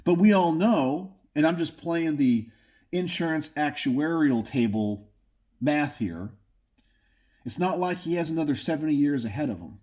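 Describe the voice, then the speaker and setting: A man's voice: on the high side, animated, measured pace, a little mellow. An American man hosting a video channel, giving opinionated commentary to his viewers in an emphatic way, often repeating phrases for effect. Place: garage.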